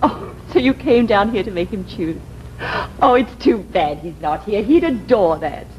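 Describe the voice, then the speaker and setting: A woman's voice: mid-range voice, expressive, moderate pace, a little mellow, close to an everyday voice. An actress playing a flippant, teasing young woman with an airy, arch, theatrical manner in 1950s television drama style. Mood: mocking. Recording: dull, noisy 1950s TV soundtrack.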